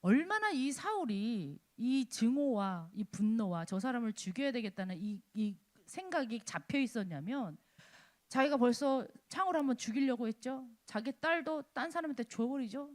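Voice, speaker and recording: A woman delivers a sermon with high, bright pitch that swings widely. She presses her points with rhetorical questions and surges of loudness before dropping back to a low, quiet register. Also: animated, moderate pace. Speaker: preacher at a college-group worship service. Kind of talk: animated sermon.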